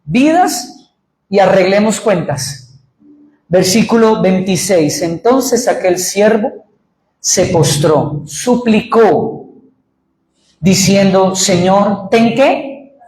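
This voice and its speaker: A man's voice: high voice, expressive, slow pace, pauses often, a little mellow, a little hiss or hum. A man with a Colombian accent, a pastor preaching a sermon who keeps asking his congregation questions and answering them himself. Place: church sanctuary. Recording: echoey church room.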